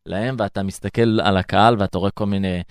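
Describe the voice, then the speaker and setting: A man's voice: on the low side, steady tone, smooth, no room sound. A young man with an Israeli accent, reflectively and earnestly telling his experiences as an interview guest. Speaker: interview guest, former emissary abroad. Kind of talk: conversational interview storytelling.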